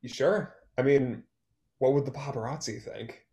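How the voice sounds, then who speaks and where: A man in his twenties, medium-pitched and warm, speaks at a normal pace with light acting. He plays a hurt, guarded, wry young man confronting an old love in a play read over a video call. He's in a room at home, picked up by a computer mic.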